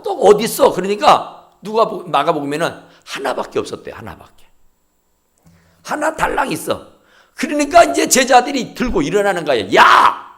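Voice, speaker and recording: Animated pastor swinging from shouts to murmurs. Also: male voice, sits high. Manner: dramatic, swings from shouting to near whispers, acts out dialogue. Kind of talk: sermon.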